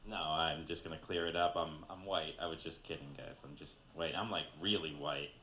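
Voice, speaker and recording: A man's voice: rumbling low, fairly even intonation, moderate pace, sharp tone, a little hiss or hum. Man doing stand-up in an echoey club. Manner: self-mocking, conversational. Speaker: stand-up comedian. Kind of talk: stand-up comedy set. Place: comedy club in New York City.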